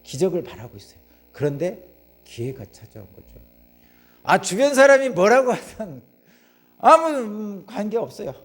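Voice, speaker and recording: Lively Korean pastor, animated preaching. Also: male voice, high-pitched, normal speed. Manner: lively storytelling, acting out crowd voices; rhetorical questions to the congregation. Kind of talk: sermon.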